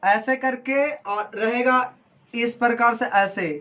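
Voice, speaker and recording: Coaching teacher at a board, mid-range voice, quizzes the class and supplies the answers, steady lecture pace. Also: mid-range voice. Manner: asks the class questions, then answers them, slow and deliberate. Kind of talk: classroom lecture, explaining physics prefixes and Greek symbols.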